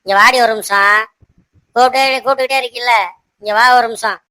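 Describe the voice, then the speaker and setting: A woman voicing an angry, bossy cartoon husband who rough-talks and threatens his wife. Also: a little high, steady tone, quick pace, bright, forceful tone, no echo, poor audio. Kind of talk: cartoon voice acting.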